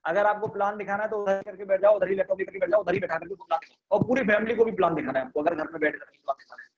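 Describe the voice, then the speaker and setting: Here the man's voice sits high and races along, captured in dull-sounding audio. Leading a sales training online, he breaks things into steps, restates key points, and keeps asking if listeners have got it.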